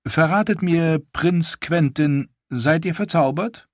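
A man's voice: fairly high pitch, no room sound, studio quality, voice pushed up. Man voicing a regal young queen. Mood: teasing. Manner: regal, measured. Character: proud young queen, commanding and cool. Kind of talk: audiobook reading.

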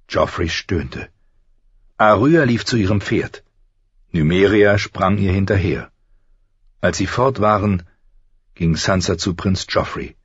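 A man narrating a fantasy novel in measured, dramatic storytelling. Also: deep voice, slightly rough, dry recording, muffled recording. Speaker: audiobook narrator. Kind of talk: scripted narration.

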